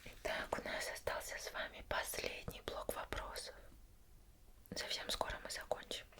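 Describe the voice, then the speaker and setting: In this ASMR roleplay, the woman takes on the role of an interviewer and puts each question to the listener softly and unhurriedly. She keeps a formal, measured delivery, pausing as she goes.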